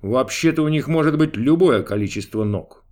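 A man doing a cranky, imperious old God who snaps and grumbles at his servant, his pitch jumping high and loud. The lines come slowly and roll, with a touch of distance from the mic, as in a storybook reading. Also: big pitch swings. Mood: capricious. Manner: snapping, grumbling, mocking. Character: grumpy capricious male God, old and imperious. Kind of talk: audiobook character voice.

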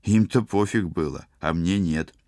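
A man's voice: sits low, a little slow, darkish tone, no room sound. A man voicing a sardonic young male starship pilot in an audiobook, sarcastic and grumbling.

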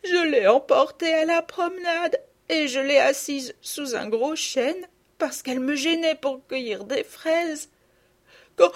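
A woman voicing a tearful little girl who speaks in halting sobs, in a storybook reading. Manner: sobbing, halting, high and strained. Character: tearful little girl, distraught over lost doll.

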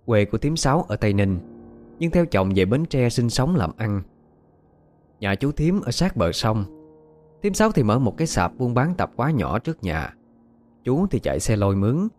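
A man narrating a ghost story in a measured storytelling manner. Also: mid-range voice, very animated, darkish tone. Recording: faint background music.

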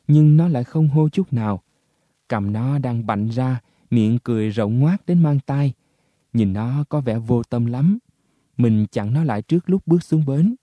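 A man reading a story aloud as narrator, in a steady, measured way. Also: mid-range voice, no echo, muffled recording. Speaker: audiobook narrator.

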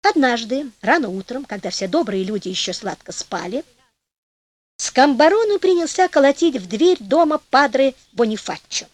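Female storyteller for an audiobook, bright high register, animated, plays the characters. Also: normal speed, no room sound. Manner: lively storytelling, acting out the characters' voices. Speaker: audiobook narrator. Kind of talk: expressive audiobook reading of a folk tale.

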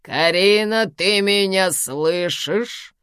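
A woman reading an audiobook, voicing a domineering elderly woman of eighty-two who scolds in slow, drawn-out, commanding phrases. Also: medium pitch, fairly bright tone, smooth, no echo, studio quality, pitched above the performer's own voice. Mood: scolding, domineering. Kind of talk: audiobook character voice.

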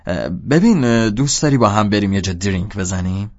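A man voicing a teenage boy who deepens his voice to sound older, hesitant and overly polite. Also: lively intonation. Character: teenage boy faking a grown-up voice. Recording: dull lo-fi audio.

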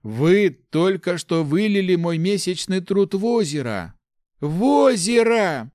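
A man voicing a grumpy, hard-drinking male paladin who is quick to anger, in a storybook reading. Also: medium pitch, expressive, dry recording, studio quality, voice pushed up, close to an everyday voice. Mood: furious.

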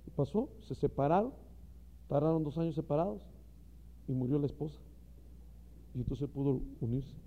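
A man's voice: a little high, expressive, moderate pace, creaky, long pauses, in a large hall. A man preaching a sermon to fellow ministers, impassioned and speaking straight to his listeners. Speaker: pastor. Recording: dull lo-fi recording.

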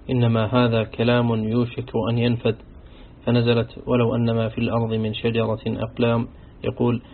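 A man reading aloud from a classical Quran commentary in a steady, scholarly recitation, going through quoted sayings one after another. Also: mid-range voice. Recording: tinny phone-like audio with faint hiss.

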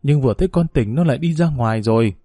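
A man voicing a fretful old mother who talks in a hurried, tearful, slightly raised voice. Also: mid-range voice, lively intonation, dark tone, no room sound, clean studio sound, soft background music. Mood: flustered. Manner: flustered, tearful.

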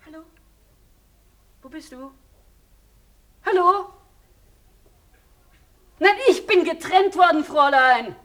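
An actress playing a despairing woman clinging to her lost lover on the telephone, moving between hushed murmurs and loud calls into the receiver. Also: very high voice, takes it slowly, pauses often, exaggerated voice. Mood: anxious. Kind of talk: radio drama acting.

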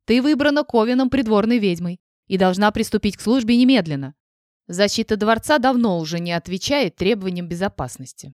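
A woman voicing a stern female witch who speaks quietly and firmly. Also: medium pitch, lively intonation, fairly quick, dry recording, clean studio sound, close to an everyday voice. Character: stern older female witch, firm and cool.

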